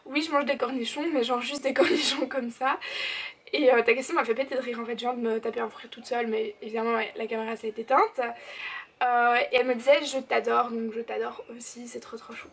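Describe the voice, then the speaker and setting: A woman's voice: fairly high pitch, steady tone, fairly quick, slightly rough. An eighteen-year-old woman, chatting casually as she answers viewer questions in her vlog, full of fillers. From Belgium. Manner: chatty and bubbly, lots of fillers and "genre". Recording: slightly distant mic, faint background noise.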